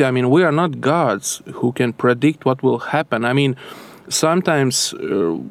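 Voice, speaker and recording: A man's voice: medium pitch, no room sound. Latvian-accented man explaining, dry close sound. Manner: earnest, analytical, non-native phrasing. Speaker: foreign policy researcher, interview guest. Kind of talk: explanatory interview answers.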